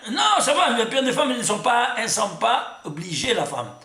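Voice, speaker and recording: A man teaching a Torah class to a room of listeners, lively and emphatic, often stopping to ask whether everyone follows. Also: very high voice, fairly quick, echoey room. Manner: lively and emphatic, full of restarts, asks "C'est clair?" often. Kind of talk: animated Torah lesson.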